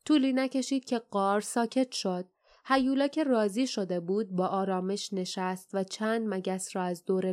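A woman reading an audiobook in measured, expressive scripted narration. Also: medium pitch.

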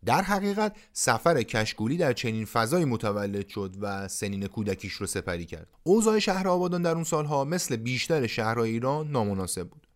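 A man's voice: mid-range voice, sing-song. A man hosting a storytelling podcast, narrating from a script in a conversational tone with casual asides. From Iran. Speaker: podcast host.

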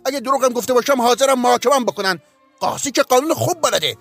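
A man doing a shrill, indignant bitten man. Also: a bit bright, no room sound, soft background music, exaggerated voice. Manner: shrill, protesting.

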